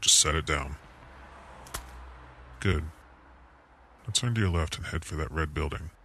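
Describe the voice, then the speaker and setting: A man playing a mysterious, menacing gunman in an audio drama, speaking in a measured, commanding way. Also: a bass voice, sharp tone, heavily acted. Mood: calm menace.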